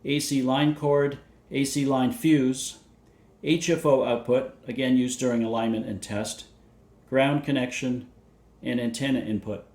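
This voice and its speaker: With a steady, darkish mid-range voice, a vintage radio video presenter reads through a technical overview from a script. His delivery is calm and factual, spec sheet style, and the room gives his voice a noticeable echo.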